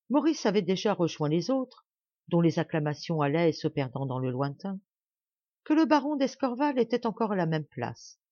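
A woman narrating a classic novel as an audiobook in an expressive, dramatic reading. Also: on the low side, dry recording. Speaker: audiobook reader. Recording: dull dry home recording.

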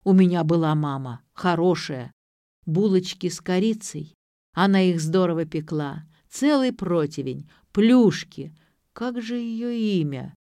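A befuddled drunk father shouts and rambles, losing his thread, as a woman reader puts him on. His voice stays fairly low and sits close and dry in the recording. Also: expressive, measured pace, no room sound. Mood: muddled. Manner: loud, confused, rambling.

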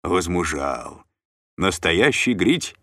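A man's voice: deep voice, very animated, slow, bright, forceful tone, no echo, clean studio sound, full character voice. A man voicing a plump, sly and jovial noble uncle who banters and bargains. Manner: chatty, bantering, scheming.

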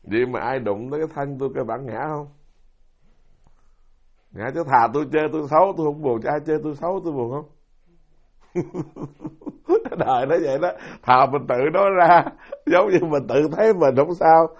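A man's voice: on the high side, fairly quick. A middle-aged man, a Buddhist monk with a Southern Vietnamese accent, giving a dharma talk full of stories and rhetorical questions to his listeners. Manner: storytelling with rhetorical questions to the audience. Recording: dull lo-fi recording.

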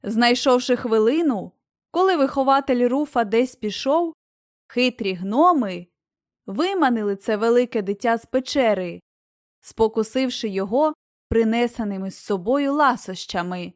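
A woman narrating a fairy-tale audiobook in an even, expressive reading. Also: fairly high pitch, normal speed, no room sound, studio quality. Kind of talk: scripted storybook narration.

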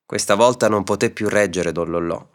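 A man narrating a classic short story aloud in a measured, expressive reading. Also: fairly low pitch.

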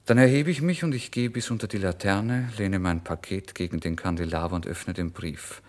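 Narrating in the first person, a male actor with a low-pitched, natural voice at a moderate pace portrays an emotional, penniless writer describing his misery. It's an intense, theatrical German radio drama reading with a brooding, tense mood, alternating between hushed and exclamatory moments.

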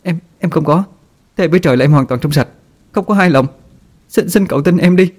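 A man's voice: fairly high pitch, fairly quick, darkish tone, voice pushed up, natural voice. A man voicing a frightened young wife in a ghost story, stammering and tearfully pleading.

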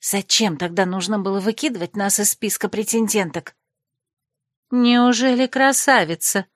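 A woman's voice: medium pitch, moderate pace, no echo, studio quality, natural voice. A woman voicing a haughty, catty young aristocratic woman in an audiobook, drawling and reproachful.

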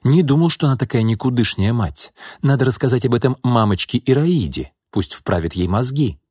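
A man's voice: mid-range voice, expressive, brisk, darkish tone, slightly rough, no room sound, studio quality, pitched above the performer's own voice. A man voicing a fretful, protective young uncle who worries about his niece in an audiobook. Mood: plain. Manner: fretful, blunt.

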